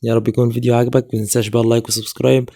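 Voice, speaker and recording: Fast-talking Egyptian man teaching. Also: medium pitch, flat delivery, mellow. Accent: Egyptian Arabic. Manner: instructive, repeatedly checks in with "okay?". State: voice off from a cold. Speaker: tutorial host. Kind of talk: screen-recorded software tutorial.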